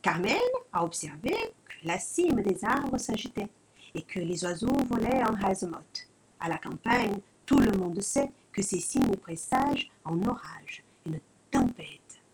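Expressive woman reading a children's tale. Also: lowish voice, a little slow, creaky, background noise. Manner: expressive, dramatic narration. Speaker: storyteller. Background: soft music.

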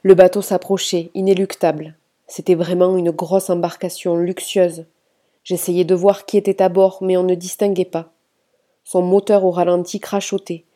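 A woman reading a novel aloud in steady, measured audiobook narration. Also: fairly low pitch. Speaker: reader of a novel.

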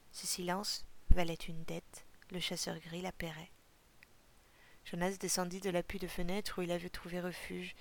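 A woman narrates a story chapter in a steady, even way. Her voice is low and gravelly, and she keeps a flat melody. A faint hiss sits under it. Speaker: audiobook narrator. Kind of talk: scripted narration.

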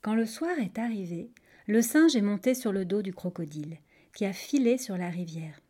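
A woman's voice: mid-range voice, moderate pace. A woman narrating a children's tale expressively, speaking straight to her listeners. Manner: expressive, addresses listeners directly. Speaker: storyteller.

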